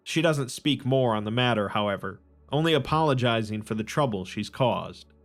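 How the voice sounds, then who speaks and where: A man giving scripted, measured narration of a strange tale. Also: medium pitch, lively intonation. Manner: measured, descriptive storytelling. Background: faint music.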